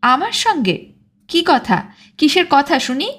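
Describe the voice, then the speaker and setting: A woman's voice: high-pitched, sing-song, slow, a bit bright, pitched above the performer's own voice, exaggerated voice. A woman voicing a weary, resentful young village wife who answers curtly in a storybook reading.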